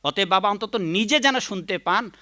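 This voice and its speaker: A man's voice: high-pitched, moderate pace, pushed and bright. A man giving a devotional sermon, chanting the mantra between points and scolding critics. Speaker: preacher.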